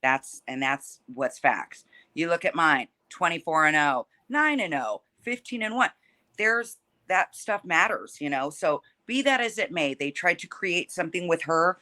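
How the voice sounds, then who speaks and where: A woman's voice: lowish voice, lively intonation, unhurried, pushed and bright. A woman fighter talking casually in an interview, feisty, combative and blunt, swearing freely as she talks trash.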